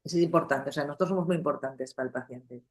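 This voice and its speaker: A middle-aged woman leads a psychotherapy class. Her voice sits a little low, and she talks in a loose, conversational way, restarting sentences and checking in with her listeners. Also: racing. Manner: conversational, many fillers and restarts, acts out examples. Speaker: psychotherapy teacher. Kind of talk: lecture to a class.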